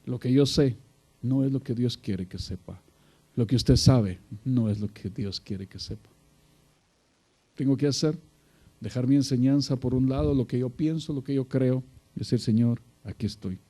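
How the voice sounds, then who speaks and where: A man preaching a sermon, addressing his listeners as brother and swinging between loud exclamations and quiet asides. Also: medium pitch, normal speed.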